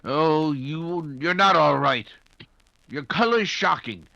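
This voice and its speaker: A man's voice: a little high, expressive, slow pace, vocal fry, pushed and bright, no room sound, highs cut off, exaggerated voice. A man playing an anxious, fussing doctor and loyal sidekick in an old-time radio detective drama, with a stammering, flustered delivery. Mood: concerned, fussing.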